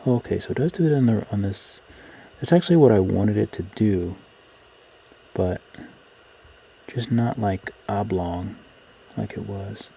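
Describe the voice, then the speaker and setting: Low mellow guy on a livestream, kinda mumbling his thoughts as he works, noisy background. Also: a little slow, long pauses. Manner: muttering to himself, thinking aloud in trailing fragments. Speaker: live streamer, digital artist. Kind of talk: casual live-stream commentary while working. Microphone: close microphone. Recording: clear background noise.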